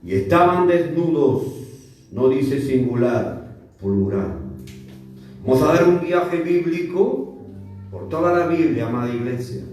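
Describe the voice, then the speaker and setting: A man's voice: a little high, lively intonation, slow, a little mellow. A man preaching a sermon as pastor, emphatic and repeating words for stress. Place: church. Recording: echoey church hall, mic far off, faint music.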